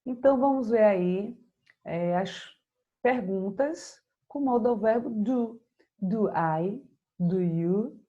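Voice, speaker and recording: A woman's voice: mid-range voice, slow, narrow, tinny audio. A Brazilian woman teaching English grammar in a recorded lesson, explaining patiently in Portuguese and often checking in with "ok?".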